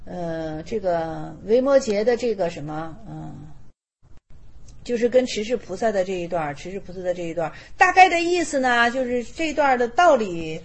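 A woman's voice: medium pitch, expressive, normal speed. A woman, a Buddhist teacher giving a casual dharma talk, chatty and repeating her phrases.

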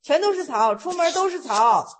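A woman's voice: high-pitched, expressive, normal speed. A woman giving an informal talk on Zen koans, retelling the story loosely and often repeating phrases as she explains.

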